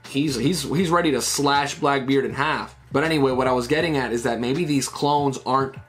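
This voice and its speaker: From a small room at home, a man in his thirties discusses a comic chapter on webcam in a relaxed, casual manner, sprinkling in fillers and "right?" tags. His medium-pitched voice is fairly bright, moderately paced, over faint background music.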